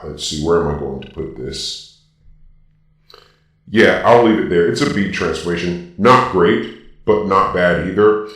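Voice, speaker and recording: Heard through a deep Darth Vader-style robotic filter, a video host with a fairly bright tone ranks things in an informal, opinionated way, partly off the cuff. He stresses each point as he explains his thinking. His voice sounds distant and very echoey.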